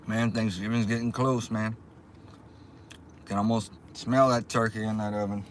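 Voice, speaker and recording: A man hosting a casual livestream from inside a car, rambling through unhurried small talk with viewers. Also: on the low side, level tone. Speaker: livestream host, small YouTube channel. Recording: clear background noise, car ambience.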